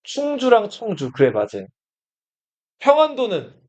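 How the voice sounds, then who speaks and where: A man teaching Korean history speaks at normal speed in a high-pitched, very animated voice with a darkish tone. Addressing students in a study room classroom, he keeps posing questions and answering them himself, heard through a dull lo-fi recording.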